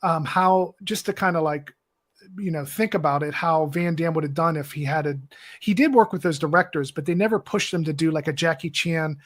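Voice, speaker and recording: A man's voice: a little high, fairly quick, fairly bright tone. A man co-hosting a podcast, chatting casually about films in a rambling way with many fillers. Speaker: podcast co-host. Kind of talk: casual film chat.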